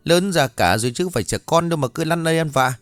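A man's voice: mid-range voice, lively intonation, quick pace, no room sound, faint music behind, natural voice. A man voicing a stern older village and clan head who scolds and barks orders. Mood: scolding.

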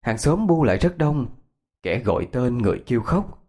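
A man narrating a horror story in an expressive, dramatic way. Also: mid-range voice, moderate pace. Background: faint music.

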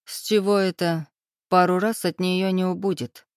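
A woman's voice: sits low, measured pace, darkish tone, no echo, studio quality. A woman voicing a mocking young male thug who teases with a smug, drawling manner.

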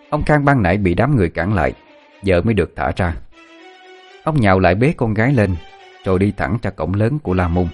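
Low-voiced male story narrator. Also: a little mellow. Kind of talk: scripted narration.

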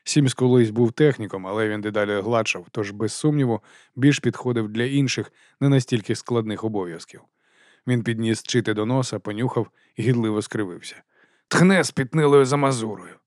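A man's voice: lowish voice, fairly even intonation, brisk, darkish tone, dry recording. Man narrating an audiobook, dry and close.

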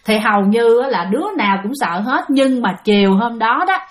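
A woman's voice: a little high, lively intonation, normal speed. A woman telling a ghost story in a chatty way, often addressing her listeners directly.

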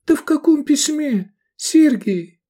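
A man voicing a young noble Roman woman who is frightened and pleading, crying out in a high, shrill voice. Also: expressive, takes it slowly, mellow, full character voice. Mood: startled.

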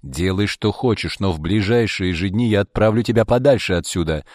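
Brief: male reader playing a short-tempered man of power, raised, sharp, deep voice. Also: brisk, no room sound, studio quality, natural voice. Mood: stern. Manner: loud, agitated, shouting. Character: irritable powerful middle-aged man, half-brother.

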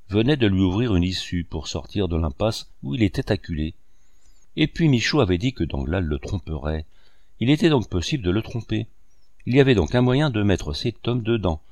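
A man narrating a classic novel as an audiobook reader, in a measured storytelling way. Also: on the low side, darkish tone, no echo, studio quality.

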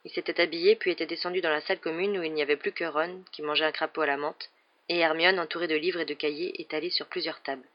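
A woman narrating an audiobook in a measured storytelling manner. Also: low-pitched, steady tone, no echo, muffled recording. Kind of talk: scripted narration.

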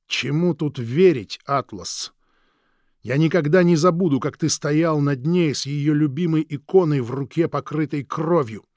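A bitter, vengeful old man, as a male reader puts him on for an audiobook. He speaks loud, slow and accusing, pitched a little higher than the narration. The sound is dry and close. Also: no room sound, close to an everyday voice. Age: older.

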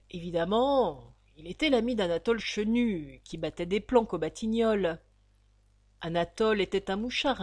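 A woman reading a novel aloud as an audiobook narrator. Her reading is expressive and lively, moving easily through slang-heavy prose. Her voice sits at a middle pitch. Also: no room sound, studio quality. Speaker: audiobook reader.

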